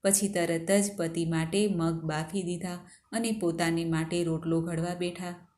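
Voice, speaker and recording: A woman narrating a devotional fasting tale in a steady, storytelling reading. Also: lowish voice.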